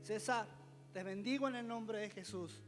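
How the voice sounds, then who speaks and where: A man preaches a testimony sermon in a high, bright register, hammering home a repeated refrain and firing rhetorical questions at the congregation. His voice rings through a church hall with a long reverb tail. Soft guitar plays faintly underneath. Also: moderate pace. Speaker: member of the pastoral team.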